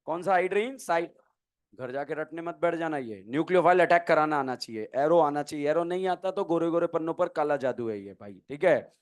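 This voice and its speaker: Man, chemistry teacher, high voice, quizzing the class, playful teasing. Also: lively intonation, fairly quick, clear, resonant tone. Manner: quizzing students, answering his own questions. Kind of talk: classroom lecture.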